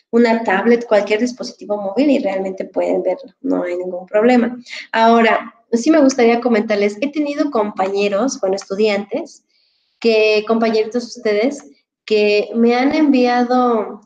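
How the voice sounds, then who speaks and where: In a lo-fi recording, a woman with a medium-pitched, slightly mellow voice talks through a headset to her online English students. She patiently explains a dictionary app, addressing them formally amid many fillers.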